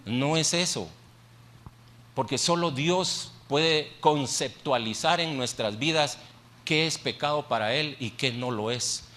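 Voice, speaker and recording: A man preaching a sermon to his congregation, speaking at a medium pitch. He keeps a conversational tone, putting questions to the listeners and repeating phrases to drive his points home. He speaks into a microphone in a church. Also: slow pace, a bit bright. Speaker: pastor. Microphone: handheld microphone.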